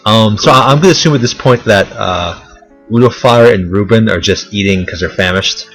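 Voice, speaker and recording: A man's voice: on the low side, normal speed, fairly bright tone, soft background music, poor audio. Hesitant young man running a game. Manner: hesitant, many fillers. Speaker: dungeon master. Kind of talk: narrating a tabletop game.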